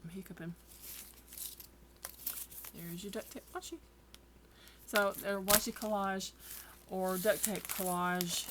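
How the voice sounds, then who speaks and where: A woman's voice: mid-range voice, steady tone, slow pace, pauses often, background noise. A tired woman chatting casually through a craft tutorial, rambling and poking fun at herself. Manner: chatty, self-deprecating, rambling. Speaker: craft vlogger.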